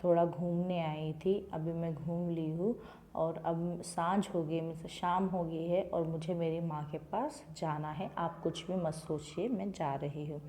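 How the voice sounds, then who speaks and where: A woman teacher reads a story to schoolchildren and then explains each line in plain words. Her voice sits fairly low and sounds mellow and relaxed. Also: measured pace, slight background noise. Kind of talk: reading a Hindi textbook lesson aloud and explaining it to children.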